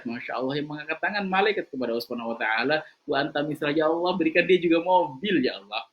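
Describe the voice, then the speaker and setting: A man giving a lively religious motivational talk, telling stories and shouting out the voices of their characters. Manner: animated storytelling, acting out voices in a high shout. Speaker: preacher. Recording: slightly dull lo-fi recording.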